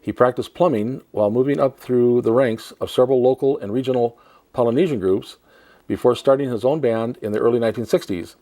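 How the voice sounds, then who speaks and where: A male talk show host reads a profile aloud at a middle pitch. He often breaks off into chatty asides and laughs between lines. His voice is plain and even. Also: a little fast.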